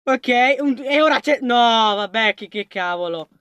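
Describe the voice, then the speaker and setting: At a moderate pace, a panicky, excitable let's-play creator chats with the game characters, moving between shouting and quiet muttering. The recording is dry and lo-fi.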